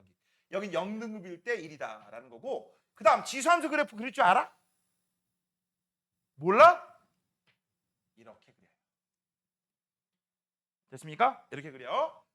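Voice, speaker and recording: A male science teacher lecturing a classroom, firing quick check-in questions at his students. His voice sits high and bright, and his pitch leaps around animatedly, jumping between loud calls and quieter asides. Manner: quizzing students with constant check-ins. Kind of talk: classroom lecture to middle schoolers.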